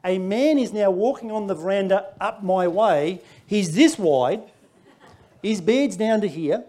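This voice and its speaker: Animated Australian man telling a story. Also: high-pitched, unhurried. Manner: animated storytelling, laughing through lines. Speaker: preacher. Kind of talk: sermon testimony.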